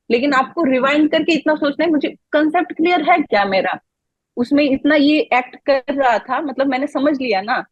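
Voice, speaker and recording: A woman with a high, slightly husky voice, giving casual, upbeat advice as an interview guest. She talks in a flowing, chatty way. The sound is dry and a bit dull. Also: no echo. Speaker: interview guest, medical graduate.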